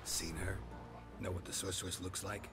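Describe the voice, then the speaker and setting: A terse, gruff monster hunter, voiced by a man for a video game, curt and deadpan. His voice is one of the deepest around, with loud game music playing behind. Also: normal speed, close to an everyday voice. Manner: curt, deadpan, few words.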